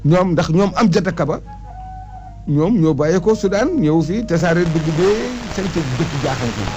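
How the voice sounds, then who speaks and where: Here an oral historian speaks unhurriedly in a slightly high voice, emphatically reciting history and lists of names during a conversation. Music runs behind the muffled, lo-fi recording.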